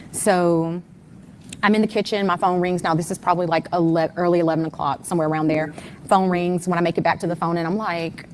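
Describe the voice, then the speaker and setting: A middle-aged woman speaks in a slightly low register as an interview guest. She goes through events one at a time, peppering her account with "um" and "like". A faint hiss sits under her voice. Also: darkish tone. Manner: detailed step-by-step retelling with frequent "um" and "like". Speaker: interview guest, mother of the missing person. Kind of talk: conversational personal account.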